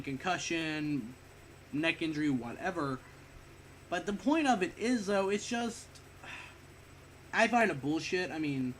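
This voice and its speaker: A man's voice: high-pitched, a bit bright, a little hiss or hum. A young man giving a rambling, casual spoken wrestling review, a bit sick and short of breath, often correcting himself and swearing offhand.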